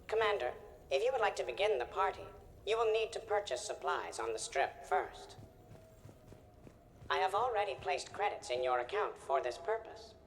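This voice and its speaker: A woman's voice: medium pitch, very animated, moderate pace, long reverb tail. A woman voicing a polite female apartment assistant AI in a video game, speaking formally and courteously.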